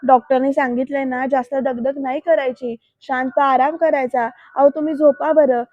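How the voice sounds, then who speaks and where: A woman's voice: sits high, steady tone, moderate pace, no echo, lightly acted. A woman voicing a caring middle-aged housemaid who fusses and coaxes, on a dull, dry recording. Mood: coaxing. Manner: coaxing, scolding gently.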